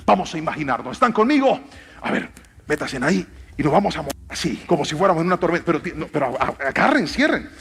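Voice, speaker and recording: A man's voice: fairly high pitch, sing-song, quick pace, vocal fry, a bit bright. A man preaching a theatrical sermon from a stage, directing volunteers. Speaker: pastor. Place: large church hall with audience. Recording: long hall reverb, faint music.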